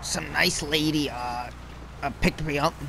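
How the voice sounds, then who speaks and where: Cranky old man, acted by a man, game role-play, fairly high gravelly voice, tipsy halting grumble, swearing, noisy voice chat. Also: sharp tone, heavily acted. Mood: flustered, tipsy. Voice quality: creaky. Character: cranky foul-mouthed old man, drunk and aggrieved.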